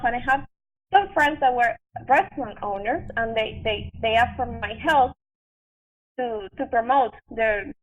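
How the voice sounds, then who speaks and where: Over muffled, thin, band-limited audio, a young actress and chef with a high voice and Venezuelan Spanish accent chats as an interview guest on a podcast. Her storytelling is conversational and filler-heavy, full of halts and restarts.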